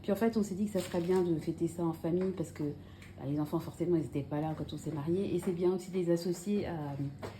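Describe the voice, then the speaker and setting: A woman's voice: lowish voice, fast talker, mellow, a little hiss or hum. A woman in her thirties chatting casually at home as a family vlogger, unpacking a grocery haul with many fillers and restarts. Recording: echoey room with faint ambience.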